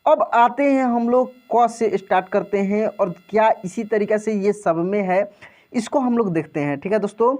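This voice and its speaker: A man's voice: sits high, a little mellow. A man teaching an online video lesson to adult learners. He speaks patiently and repeats himself, draws out and stresses vowel sounds for practice, calls his viewers friends, and keeps checking that they follow. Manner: addresses viewers as friends and often checks understanding.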